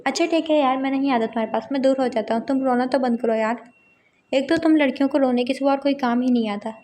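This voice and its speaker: A woman's voice: sits high, fast, darkish tone, slight background noise, close to an everyday voice. A woman reading the part of a brash young man at a university, teasing and domineering in a romance novel. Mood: teasing, insistent.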